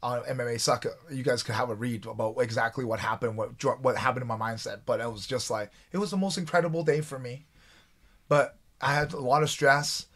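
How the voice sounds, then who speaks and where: A man in his forties from Taiwan, telling his own stories as a guest in a casual interview, animated and quoting himself. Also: mid-range voice, fairly quick. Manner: animated, restarts often, quotes himself. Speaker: guest, former fighter.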